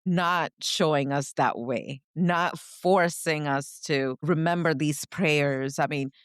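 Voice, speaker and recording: A woman from India, a podcast co-host reflectively recounting her upbringing, often pausing to search for words. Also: low-pitched, clear, resonant tone, dry recording, clean studio sound. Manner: reflective, searching for words, frequent "you know". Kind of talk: personal storytelling in conversation.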